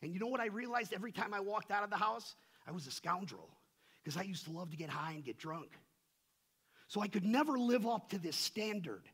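A man preaching a sermon as pastor, swinging from loud emphatic peaks to soft low asides and asking the congregation rhetorical questions. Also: expressive, a little fast, breathy edge.

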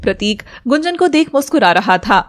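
A woman narrates a scripted animated drama in an even storytelling voice. Her pitch sits a little high, and there is a faint hiss in the background. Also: a little fast.

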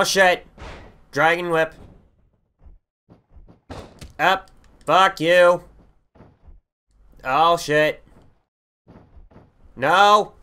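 A young man commentating a wrestling video game as he plays, excitable and full of profanity. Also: fairly high pitch, smooth. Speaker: gaming channel host. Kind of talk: let's play commentary.

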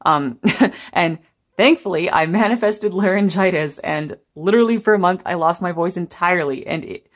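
A young tarot reader chats her way through a pick-a-card reading at an indoor table, gently wandering between thoughts and laughing as she goes. She speaks at a normal speed in a voice on the low side.

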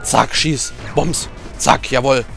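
A man doing let's play commentary, emotional and excitable, cheering, swearing and shouting at the game as he plays. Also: medium pitch, slow, creaky, soft background music.

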